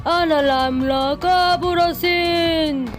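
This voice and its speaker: A woman with an Egyptian accent voicing a menacing giant gorilla monster that shouts loud threats in a homemade cartoon. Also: very high voice, unhurried, soft background music. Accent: Egyptian Arabic.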